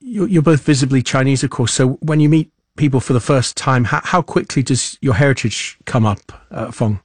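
A man hosting an interview, introducing guests and asking measured questions. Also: mid-range voice, slightly rough, no room sound. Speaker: interviewer, host. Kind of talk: broadcast interview.

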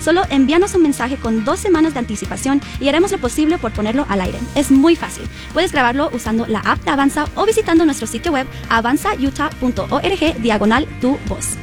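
A woman's voice: high voice, animated, a little fast, hardly any pauses. A woman announcer reading an upbeat, inviting station promo. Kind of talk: upbeat radio promo read. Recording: radio promo over music bed.

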